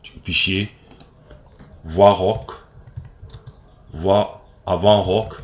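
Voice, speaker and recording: A man's voice: deep voice, steady tone, drawn-out words. A man with a Cameroonian French accent, an acting coach explaining step by step, with fillers and restarts and frequent "ok?" checks. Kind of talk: screen-recorded tutorial.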